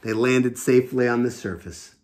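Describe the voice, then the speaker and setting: This is a storybook read-aloud for kids, led by a male teacher and host in his thirties who explains things plainly and with expression from a small home room. His pitch is medium, his pace moderate, and his tone slightly mellow.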